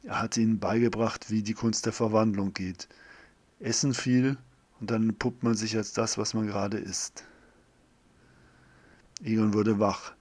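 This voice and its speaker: A man's voice: lowish voice, fairly even intonation, a little slow, pauses often, darkish tone, breathy edge. A man reading a homemade story aloud in a plain way, with slips and restarts.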